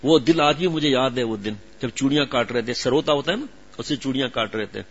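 A middle-aged man preaching a sermon, telling stories in an earnest, emotional way and acting out quoted dialogue. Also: mid-range voice. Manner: storytelling with acted-out quoted dialogue. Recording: dull lo-fi recording.

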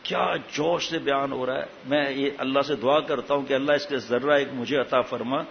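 A man's voice: mid-range voice, steady tone, gravelly, slight background noise. A man preaching a sermon with passion, asking the listeners many rhetorical questions. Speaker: religious preacher. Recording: echoey hall, dull lo-fi sound.

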